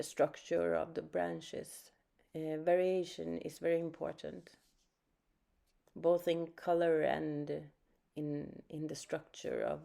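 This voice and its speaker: Her voice is low and creaky. She's a Swedish woman from Sweden, an art teacher leading an improvised watercolor painting lesson in accented English, musing aloud softly and using fillers as she paints.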